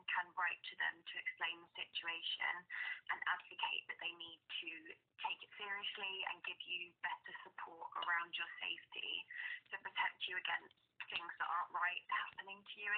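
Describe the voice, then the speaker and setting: A woman support worker on a phone call, explaining things gently and carefully, heard over a phone line. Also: lowish voice, vocal fry.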